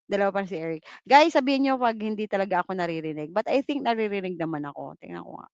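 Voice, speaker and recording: A woman from the Philippines giving a live online review lecture, mixing English terms into her talk and tossing in teasing jokes and quick "just kidding" asides. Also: medium pitch, expressive, a little mellow, no room sound, lo-fi sound. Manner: playful, cracks teasing jokes and "charot" asides; mixes English terms into Tagalog. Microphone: computer mic on a livestream.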